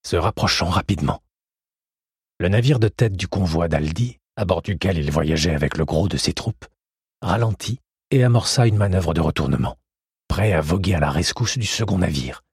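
A man reads an adventure novel aloud at an even, unhurried pace. His voice is low and markedly husky, with a breathy grain. The recording is close and dry, with no room sound. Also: dry recording. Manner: steady measured storytelling. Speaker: audiobook narrator. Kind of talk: scripted narration.

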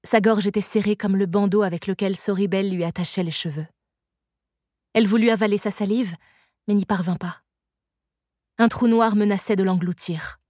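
Woman, audiobook narration, measured pace, mid pitch, dry sound. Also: fairly even intonation, a little mellow, no echo.

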